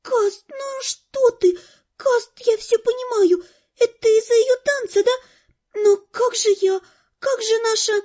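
A woman putting on a teary young air mage girl, high and shrill, dull lo-fi sound. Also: a little slow, darkish tone. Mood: tearful pleading. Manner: tearful, shrill, pleading. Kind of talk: audiobook character voice.

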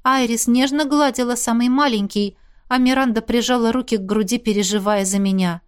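A woman's voice: fairly high pitch, fairly quick, clean tone. Woman narrating a fantasy audiobook. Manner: expressive, emotional storytelling.

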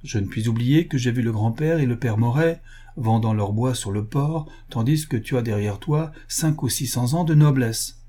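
A man playing a gruff old family lawyer. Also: mid-range voice, normal speed, dark tone, close to an everyday voice. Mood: scolding. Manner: blunt, scolding, fatherly.

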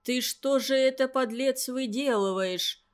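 A woman's voice: high voice, unhurried, clean tone. A woman voicing a huge, cruel old female tutor who scolds her pupils in a harsh, furious way. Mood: angry scolding.

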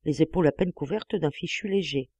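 A woman narrating a classic novel as an audiobook, with a measured, expressive reading on a close mic. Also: deep voice, breathy edge, dry recording. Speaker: audiobook reader.

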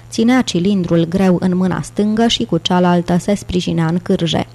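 A woman reading a thriller audiobook in a measured, steady narration. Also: on the low side, creaky. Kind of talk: scripted narration.

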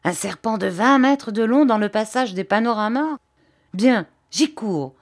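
An urgent, commanding police prefect barks orders and rallies his men, as a woman reads him aloud. The delivery is slow and deliberate, rising in pitch and volume on each exclamation. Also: lively intonation.

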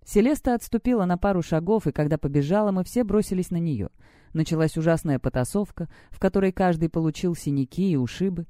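A woman reads an audiobook in an even, first-person storytelling voice. Her tone is dark and mellow, and the recording is dry with no room sound. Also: fairly low pitch, fast, dry recording. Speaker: audiobook reader. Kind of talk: scripted narration.

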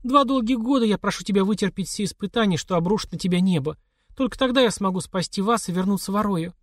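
Man voicing a sharp-tongued wasteland mother. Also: high voice, fast, no room sound, clean studio sound, voice pushed up. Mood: tender. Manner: mocking, scolding. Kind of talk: audiobook character voice.

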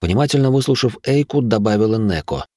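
A man with a fairly low voice reads a first-person adventure audiobook, with a dry, wry edge. The recording is close and dead, with no room sound. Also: animated, brisk, darkish tone, no echo. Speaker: audiobook narrator.

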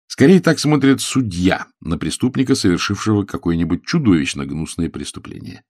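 A male audiobook narrator reads with expressive, animated storytelling. His voice sits low but moves over a wide pitch range. The recording is dry and close. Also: a little fast, no room sound. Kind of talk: scripted narration.

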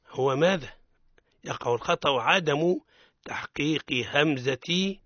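Tunisian guy teaching quran recitation on radio, explains then chants slow, bright voice, dry dull studio sound. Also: medium pitch, breathy edge, dry recording. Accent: Tunisian Arabic. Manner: explains rules, then chants verses slowly for learners to repeat.

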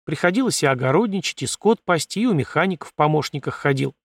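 A man doing a whiny little scavenger, gravelly. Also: fairly high pitch, animated, quick pace, no echo, clean studio sound. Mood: grumbling. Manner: grumbling, sullen, pleading. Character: whiny, suspicious little male desert scavenger.

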